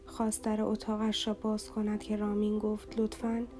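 A woman reading a romance novel aloud as an audiobook narrator in a slow, somber, even way. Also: mid-range voice, soft background music.

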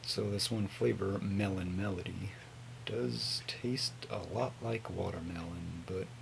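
A man in his twenties giving a casual, mumbled, sweary product review on a low-volume webcam recording. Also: creaky, background noise. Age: 20s. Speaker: vape reviewer. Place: small home room with hanging clothes.

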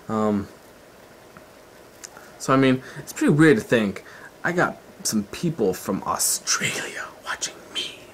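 A man's voice: medium pitch, fairly bright tone, slight background noise. A man from Canada hosting his own video channel, chatting casually and joking in a laid-back way. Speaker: channel host. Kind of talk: casual vlog chat.

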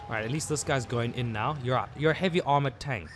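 A man's voice: mid-range voice, fast talker, over music. A man from South Africa giving casual live commentary while playing a video game, muttering his reactions as he plays. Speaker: gaming channel host.

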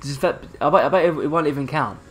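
A young man giving casual, excitable gameplay commentary, swearing and laughing often. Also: on the high side, fast, soft background music. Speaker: gaming channel host.

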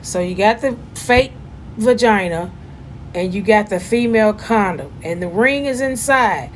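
A woman, chatting loudly and jokingly as she gives a casual demonstration at home. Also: mid-range voice, measured pace, slight background noise. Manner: chatty, joking, loud and animated. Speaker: vlogger giving a demonstration.

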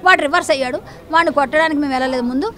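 Fiery fast-talking woman. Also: high-pitched, a bit bright. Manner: fiery, defiant, rapid-fire and accusatory. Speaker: interviewee. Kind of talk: heated news interview.

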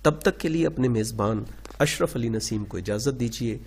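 A man's voice: mid-range voice, normal speed, darkish tone, breathy edge. A man hosting a story channel, addressing viewers directly in a friendly intro and outro. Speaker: channel host.

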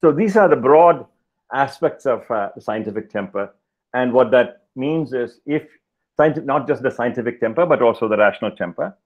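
A man's voice: mid-range voice, animated. Older man lecturing over a video call. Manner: measured, deliberate, pauses with fillers. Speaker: keynote speaker. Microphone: headset, video call. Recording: slightly dull video-call audio.

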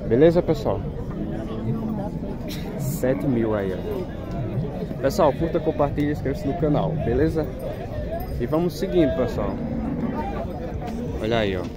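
A man's voice: medium pitch, expressive, measured pace, pauses often. A man with a Northeastern Brazilian accent giving casual commentary as he films a cattle fair, speaking straight to his viewers and repeating prices. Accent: Northeastern Brazilian Portuguese. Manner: addresses viewers constantly, repeats prices, upbeat. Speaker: vlogger filming a cattle fair. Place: outdoor cattle market, crowded. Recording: loud crowd noise behind.

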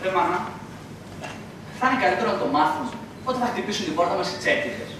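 A man's voice: high voice, lively intonation, background noise. A young man acting a defiant, impatient son in a school stage play, urgent in his arguing, recorded from far off on an echoey stage. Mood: agitated. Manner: urgent, rising to outbursts. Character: hot-headed grown son, impatient and defiant. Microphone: distant camera mic.

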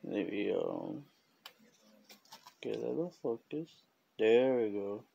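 Slow gravelly-voiced man showing his collection. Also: lowish voice, lively intonation, warm tone, highs cut off, slight background noise. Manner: slow, rambling, chuckles often. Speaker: collector showing business cards. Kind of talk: casual show-and-tell vlog.

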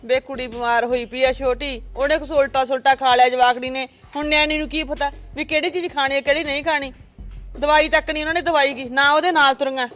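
In a family drama skit, a woman voices a grieving mother, her fast, slightly bright speech fairly even in intonation over soft background music. She laments and pleads, indignant and hurt, and her pitch rises whenever she argues back against a challenge.

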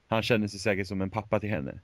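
A man's voice: on the low side, no echo. A man co-hosting a casual game podcast who speaks hesitantly, with many fillers. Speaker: podcast co-host. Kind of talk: casual chat.

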